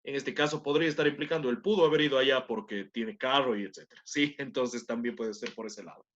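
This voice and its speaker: Speaking fast in a mid-range, slightly bright voice, a man takes an online class through a point step by step, frequently questioning his students to check in. The recording sounds dull and lo-fi.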